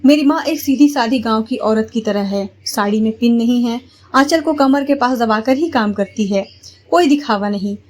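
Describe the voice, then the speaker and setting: A woman narrating a first-person family story in a steady, plain storytelling manner. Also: a little high.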